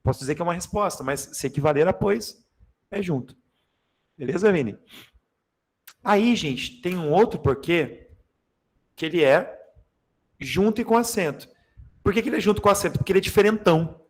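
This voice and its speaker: Animated high-voiced Brazilian teacher. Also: male voice, normal speed, pauses often, breathy edge. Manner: animated, jokey, addresses class directly. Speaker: Portuguese teacher. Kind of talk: lively exam-prep class. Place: classroom.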